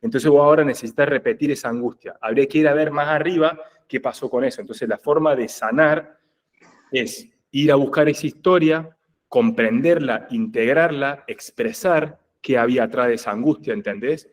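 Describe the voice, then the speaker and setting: A man's voice: mid-range voice, normal speed. Rioplatense man explaining to a group. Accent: Rioplatense Spanish. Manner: didactic, often checking that listeners understand. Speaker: group facilitator in family constellations.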